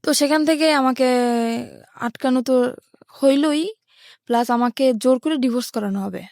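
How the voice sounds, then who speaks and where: In clean, studio-quality audio without room sound, a rural Bangladeshi woman with a matching accent recounts her life story in plain terms, step by step, as a guest on a radio interview. She speaks at normal speed in a high-pitched, slightly mellow voice.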